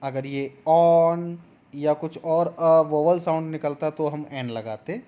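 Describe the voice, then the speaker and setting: Slow-talking Indian male teacher. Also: a little high, warm tone, dull audio. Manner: slow, explaining, mixing English examples into Hindi. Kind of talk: online grammar lesson.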